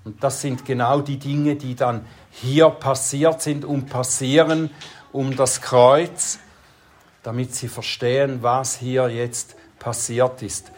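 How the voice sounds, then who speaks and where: A preacher giving an expository sermon, explaining Bible verses in a deliberate, measured way. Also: mid-range voice, fairly even intonation.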